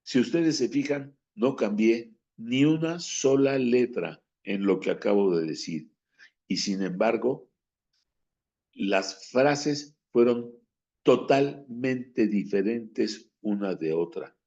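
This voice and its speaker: A man from Mexico teaches breathing and diction in an unhurried, measured way. He stresses key words and acts out lines to show phrasing. The sound is muffled and lo-fi. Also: mid-range voice, darkish tone. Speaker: speaking coach. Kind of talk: instructional talk on voice and diction. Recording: dull lo-fi recording.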